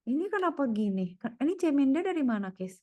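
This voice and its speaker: A woman's voice: high-pitched, sing-song, a little fast, darkish tone, dry recording, highs cut off. A woman tutoring one student, working through problems aloud and murmuring each step as she goes. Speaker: private tutor.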